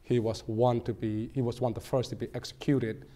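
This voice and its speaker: A man in his forties, born in Cambodia, telling his story as a guest in a TV studio interview, earnest and measured with frequent ums. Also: medium pitch, flat delivery, warm tone. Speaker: guest, political candidate. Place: small TV studio set.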